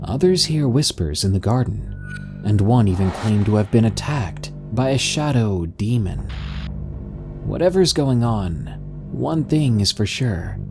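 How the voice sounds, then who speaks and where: A man working at a care home, from the Netherlands, reading a horror story in an earnest, steady manner over music. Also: on the low side, unhurried. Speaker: care worker. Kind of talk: scripted horror narration.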